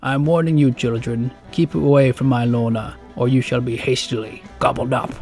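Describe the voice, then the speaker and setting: A man's voice: medium pitch, steady tone, normal speed, darkish tone, faint music behind, lightly acted. A man voicing a stern old woman guardian in a storybook reading, speaking in warnings.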